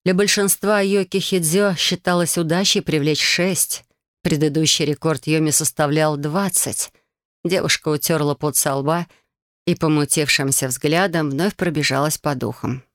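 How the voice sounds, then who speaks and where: An audiobook reader narrating a fantasy novel in a measured, even storytelling manner on a close studio mic. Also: medium pitch, no echo.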